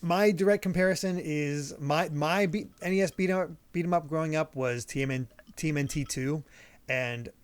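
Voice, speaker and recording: A man's voice: fairly high pitch, normal speed, clear, resonant tone. A man hosting a casual gaming podcast, chatty and upbeat, laughing often. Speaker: podcast host.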